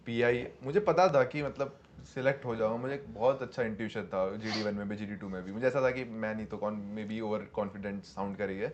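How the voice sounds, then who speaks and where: Fast-talking young man telling a story. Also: on the low side, a little hiss or hum. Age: young adult. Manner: rapid, animated, acts out quotes. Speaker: reality show contestant guest. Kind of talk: casual storytelling chat. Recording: dull, muffled recording.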